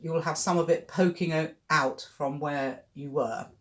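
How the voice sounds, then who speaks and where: A British art club tutor giving a relaxed acrylic painting demonstration, thinking aloud with chatty, cheerful asides. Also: medium pitch, normal speed.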